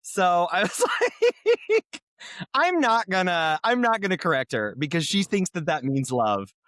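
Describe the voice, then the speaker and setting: Male podcast co-host, animated storyteller, very lively pitch, dry close sound. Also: a little slow, no room sound. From Nebraska. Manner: animated, giggly storyteller who jumps high when excited. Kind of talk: casual storytelling chat.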